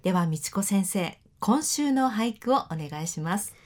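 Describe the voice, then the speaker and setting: A woman's voice: medium pitch, animated, moderate pace. A woman radio host leading a friendly talk segment and asking attentive questions.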